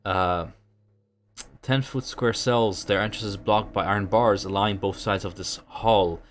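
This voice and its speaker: A man narrating a tabletop role-playing game as game master, setting scenes in a halting, descriptive way. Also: on the low side, a little hiss or hum.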